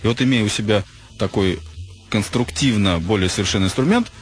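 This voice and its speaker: A man's voice: lowish voice, brisk. A man hosting live late-night radio, talking in a grandiose, mock-ceremonial announcing manner. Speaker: radio host. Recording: music playing behind the voice. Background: music.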